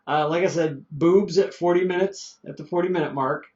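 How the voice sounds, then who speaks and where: A man's voice: a little high, brisk, darkish tone. A man casually chatting as a podcast co-host reviewing an old movie, rambling and chuckling, tripping over names. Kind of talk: casual chat. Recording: dull lo-fi podcast audio.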